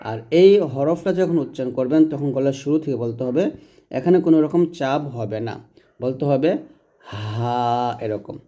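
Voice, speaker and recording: A man teaching Quranic letter pronunciation in a patient, repetitive way, drawing out each sound slowly to demonstrate it. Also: mid-range voice, mellow, dull audio. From Bangladesh. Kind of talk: recitation lesson.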